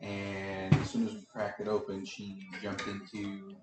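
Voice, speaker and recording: A woman's voice: rumbling low, monotone, a little slow, roomy sound, over loud music. A woman playing a tabletop game, speaking in an earnest, hesitant way. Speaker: player. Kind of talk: casual tabletop gaming chat.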